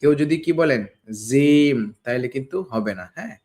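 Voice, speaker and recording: A man's voice: medium pitch, animated, fast. A man teaching Quran pronunciation, drilling each Arabic letter sound over and over and asking his learners questions he answers himself. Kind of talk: slow pronunciation lesson. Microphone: camera facing the teacher.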